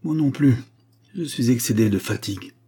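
A man's voice: mid-range voice, moderate pace, mellow, husky. A man doing a curt, scheming noble rival. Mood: tense. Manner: curt, restrained fury. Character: scheming middle-aged male noble rival.

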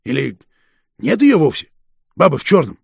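A man's voice: a little high, very animated, vocal fry, slightly rough, dry recording, clean studio sound, full character voice. A man playing a sly, needling detective chief. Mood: pressing. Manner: slow, needling, teasing interrogation. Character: sly, mocking older police detective chief. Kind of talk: audiobook character reading.

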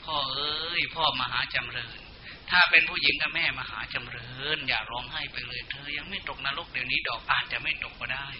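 Monk doing King of the Underworld, soft and slow. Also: mid-range voice, over a noisy crowd, close to an everyday voice. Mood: consoling. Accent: northeastern Thai (Isan). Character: King of the Underworld, stern but gentle male judge. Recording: dull lo-fi recording with faint hiss.

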